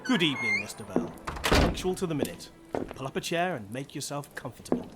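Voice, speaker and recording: An actor as Doctor Watson, animated avuncular British gentleman. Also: medium pitch, a little fast, loud music behind the voice, close to an everyday voice. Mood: genial. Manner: avuncular, chatty, easily shocked. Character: genial older English doctor, amiable, slightly bumbling storyteller. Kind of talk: radio drama acting and storytelling.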